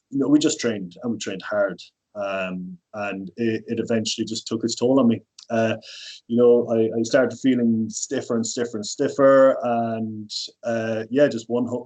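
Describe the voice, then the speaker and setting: Speaking as a podcast guest, a thirtysomething personal trainer from Ireland rambles casually, restarting often and leaning on fillers. His voice is medium-pitched with a darkish tone, and the highs are cut off.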